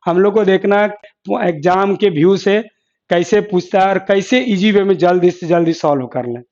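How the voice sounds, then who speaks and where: A man's voice: sits high, moderate pace, a little mellow. A man teaching an exam-prep lesson who keeps asking the class questions, answering them himself, and repeating key terms. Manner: repetitive, asks and answers own questions. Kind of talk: classroom lecture with board examples. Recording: dull lo-fi classroom recording.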